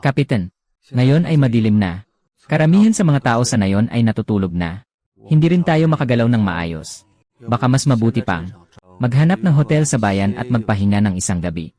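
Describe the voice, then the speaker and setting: A man's voice: mid-range voice, big pitch swings, normal speed, dark tone. A man voicing a loyal subordinate officer who speaks to his captain in a respectful, reassuring way.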